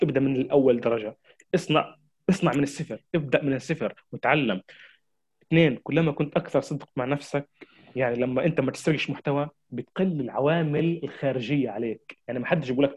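Fast-talking man lecturing. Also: mid-range voice, a little mellow, breathy edge. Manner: urgent, repetitive exhortations, addresses listeners directly. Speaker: marketing trainer. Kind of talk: lecture to an audience.

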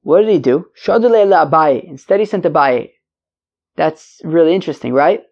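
A man's voice: fairly high pitch, lively intonation, fairly quick, gravelly. A man teaching an informal Talmud lesson, reading and translating conversationally, rephrasing and asking rhetorical questions. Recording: dull lo-fi recording.

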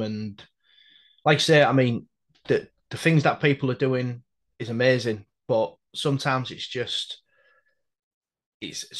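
Halting, reflective British man in conversation. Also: medium pitch. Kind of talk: casual conversation.

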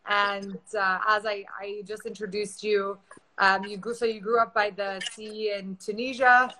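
A woman's voice: medium pitch, little pitch movement, a little slow, noisy background. A woman hosting a live online interview, chatty, asking questions with many fillers. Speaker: host.

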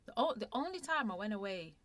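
A woman with a Manchester accent chatting casually as a podcast co-host, relaxed and rambling with restarts. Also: a little high, quick pace, no room sound. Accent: Northern English, Manchester. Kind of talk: casual chat.

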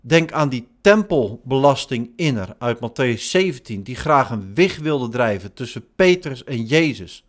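A man preaching a sermon in slow, measured short phrases. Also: medium pitch, animated. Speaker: pastor.

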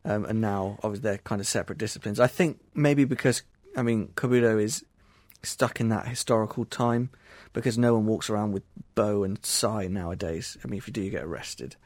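Self-deprecating and rambling, this English podcast co-host keeps restarting as he chats casually. He talks a little fast with few pauses, in a lowish, slightly mellow voice, and the recording is dry.

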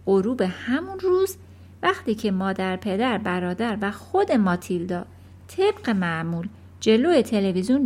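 A woman reading a children's novel aloud in an expressive storytelling manner. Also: medium pitch. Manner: expressive, animated. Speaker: audiobook narrator.

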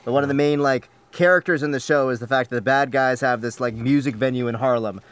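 A man's voice: mid-range voice, fairly even intonation, fast talker. A man chatting casually on a podcast, rambling on and mimicking the voices of people he quotes.

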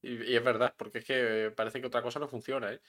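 A man's voice: medium pitch, little pitch movement, quick pace, a bit bright. Man with a Melilla Spanish accent. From Melilla, Spain. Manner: heated, insistent about football. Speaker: podcast co-host. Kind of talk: casual chat.

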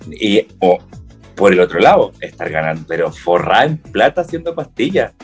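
A man's voice: low-pitched, big pitch swings, moderate pace, breathy edge, soft background music. A man with a Chilean accent chatting casually, rambling and joking in a campy way. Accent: Chilean Spanish. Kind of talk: casual chat.

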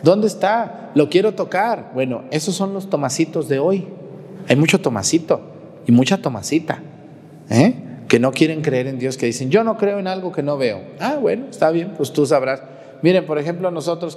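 Mexican priest, fairly high voice, chatty sermon full of questions to the pews, long church reverb. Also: male voice, darkish tone. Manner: conversational, asks the congregation questions.

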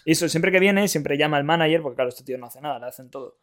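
A young man from talks casually as a podcast co-host. His voice sits a touch high, and he tells joking stories laced with slang and swearing. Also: very fast, fairly bright tone. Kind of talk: casual chat.

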